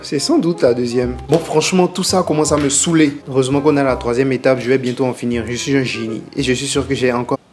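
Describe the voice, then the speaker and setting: A man's voice: mid-range voice, steady tone, quick pace, few pauses. A young man performs a scripted comedy monologue in a mid-range voice, talking to himself and swinging between reasoning through puzzles and panic. Background music plays underneath. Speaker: comedian acting in his own sketch.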